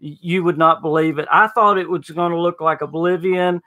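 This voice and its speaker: A man with an Arkansas accent hosting a casual gaming podcast, excitable and full of fillers. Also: a little high, moderate pace. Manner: excitable, hesitant with many fillers. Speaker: podcast host.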